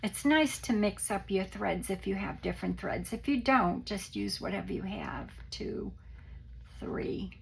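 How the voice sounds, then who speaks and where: Slow, very croaky, hoarse woman, papery and breathy. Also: medium pitch, expressive. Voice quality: croaky, breaking into papery whisper. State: hoarse and unwell. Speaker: craft tutorial host. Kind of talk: casual step-by-step craft demonstration.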